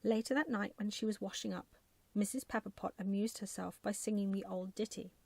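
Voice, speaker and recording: A woman narrates a children's bedtime story in soft ASMR style. Her delivery is gentle and measured, with noticeable creak. The sound is close and dry. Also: medium pitch, fairly even intonation, no echo.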